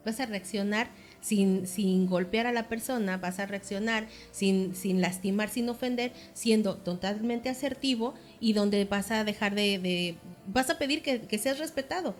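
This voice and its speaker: A woman's voice: mid-range voice, unhurried, hardly any pauses, faint music behind. A woman, a therapist, talking in a casual conversation and acting out people's voices as she gives examples. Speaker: therapist, co-host or guest. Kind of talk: casual conversation on a talk show.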